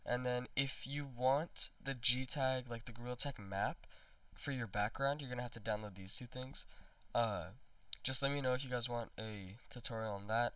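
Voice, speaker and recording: Young male tutorial maker, congested and rambly, bright tone, dry sound a bit off mic. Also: medium pitch, no echo, distant mic. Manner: rambling, many ums and restarts. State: congested after being sick. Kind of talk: casual screen-recorded tutorial.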